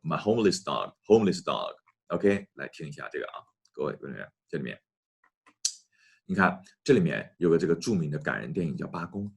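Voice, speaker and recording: A man with a very low, husky voice teaches English. His pitch moves a lot as he talks to his students. He slows down to repeat phrases clearly. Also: big pitch swings. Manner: repeats phrases slowly, addresses students often. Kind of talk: online English lesson.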